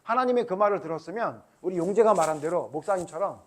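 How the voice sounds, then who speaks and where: A middle-aged man preaching to children in a somewhat high voice. He keeps turning to the kids with questions, and he slips into little acted voices as he retells the story. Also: animated, fast talker. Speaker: pastor. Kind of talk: children's sermon.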